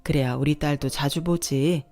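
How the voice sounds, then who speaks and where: A woman voicing a worn-out older working father who speaks softly and hesitantly in a read-aloud story. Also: deep voice, steady tone, normal speed. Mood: gentle. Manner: soft, hesitant, apologetic. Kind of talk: scripted story reading.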